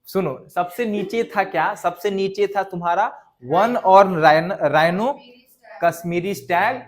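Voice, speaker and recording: A man's voice: high voice, measured pace. A male teacher, giving an exam revision lesson and drilling students by repeating lists and quizzing them.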